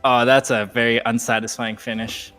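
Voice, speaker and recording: A man's voice: mid-range voice, flat delivery, normal speed, soft background music. Chatty man streaming a game. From Nepal. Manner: chatty, laughs easily, reacts out loud to the game. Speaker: gaming streamer. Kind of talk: casual live-stream chat while gaming.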